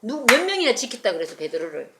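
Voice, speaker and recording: A woman's voice: fairly high pitch, quick pace, heavy background noise. A woman telling a Bible story in a children's sermon and asking the children questions. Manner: animated, asks the children questions.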